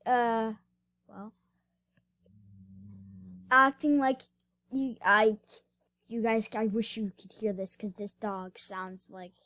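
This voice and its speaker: Brief: woman reaction vlogger, giggly, rambling retellings, slightly high voice, dry close recording. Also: fairly even intonation, slow, pauses often, a bit bright, dry recording. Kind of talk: casual reaction commentary.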